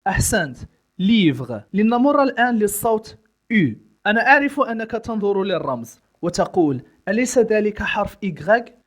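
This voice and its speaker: A French teacher giving a step-by-step pronunciation lesson, repeating words syllable by syllable and explaining in quick asides. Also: medium pitch, big pitch swings.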